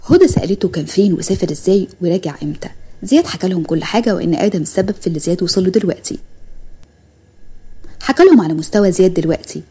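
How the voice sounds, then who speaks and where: A woman with an Egyptian Arabic accent narrates a romantic story at a racing pace. Her voice is low, warm and husky, and she keeps the storybook reading running without pause. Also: lively intonation.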